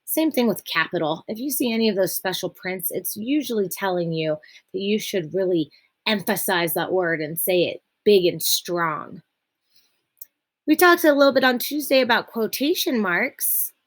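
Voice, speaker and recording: A young adult woman teacher giving a remote reading lesson to children, explaining slowly and clearly and reading aloud with expression. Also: mid-range voice, lively intonation.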